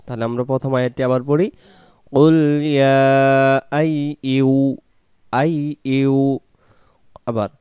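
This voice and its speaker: A man's voice: medium pitch, darkish tone, clear, resonant tone, dry recording. A man teaching Quran pronunciation, patiently drawing out and repeating each syllable for learners. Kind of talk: slow pronunciation lesson with drawn-out recitation.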